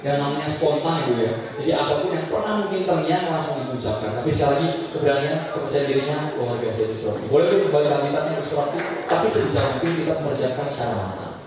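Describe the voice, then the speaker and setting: A man coaching a public speaking workshop with lively, joking energy, drilling vowels with the audience. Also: fairly high pitch, racing, few pauses. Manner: energetic, animated, jokey, drills vowels with the group. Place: large meeting hall with an audience. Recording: echoey hall, distant mic, crowd noise.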